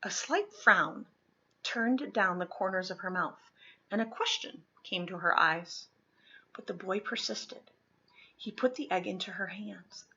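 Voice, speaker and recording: A bright-voiced woman of medium pitch reads a children's picture book aloud in a lo-fi recording. Her phrasing is deliberate and expressive, with dramatic pauses and emphasis.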